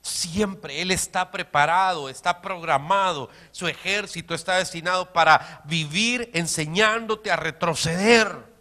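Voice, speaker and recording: A man, a pastor preaching a sermon, swinging between quiet, close remarks and loud, emphatic repeated phrases. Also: high-pitched, measured pace. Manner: dynamic preaching, swinging from soft to shouted emphasis.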